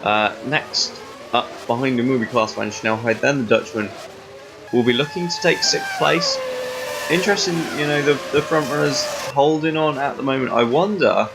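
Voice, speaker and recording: A man's voice: medium pitch, moderate pace, vocal fry, background noise. A man commentating a sim race in a casual, bantering way, often correcting himself. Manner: chatty, self-correcting, bantering. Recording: music playing behind.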